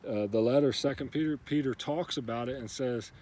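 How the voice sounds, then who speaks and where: A man shares a relaxed church devotional in a mellow, dark-toned voice. He talks casually and conversationally, with lots of fillers and everyday slang as he retells the story. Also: medium pitch, fairly quick. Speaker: church member giving a devotional.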